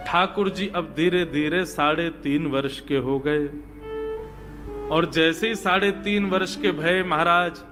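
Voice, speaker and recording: A man telling a devotional story in a sermon, animated and dramatic. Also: high voice.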